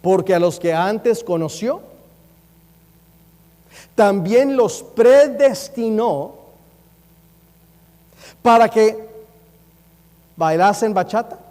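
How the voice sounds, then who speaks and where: A man, a pastor, preaching a sermon in a church in an animated, humorous way, with mocking impressions. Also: sits high, drawn-out words, pauses often. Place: church sanctuary. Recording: long reverb from a church hall.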